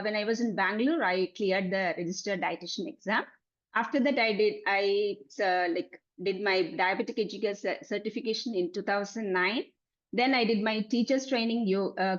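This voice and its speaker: Malayali-accented woman, dull lo-fi sound. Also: medium pitch. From Kerala, India. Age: 40s. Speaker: dietitian giving a talk about her career. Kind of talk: personal presentation recounting a career journey.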